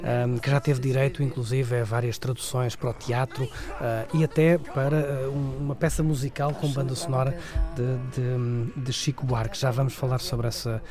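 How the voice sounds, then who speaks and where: A man's voice: medium pitch, little pitch movement, normal speed, over music. A man with a European Portuguese accent giving a conversational, wordy film review, often repeating and rephrasing as he goes. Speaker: film critic.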